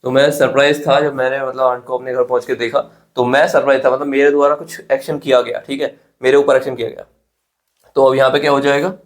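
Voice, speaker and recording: A man's voice: medium pitch, flat delivery, quick pace. An Indian man teaching an exam-prep English grammar lesson, explaining step by step and often checking in with his students. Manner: explains step by step, often asks "theek hai?".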